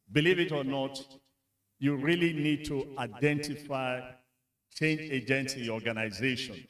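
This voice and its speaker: At a civil service retreat in a conference hall, a man with a Nigerian English accent gives a frank, conversational speech to senior civil servants, using frequent fillers. His voice is medium-pitched and fairly bright, and he sounds far from the mic.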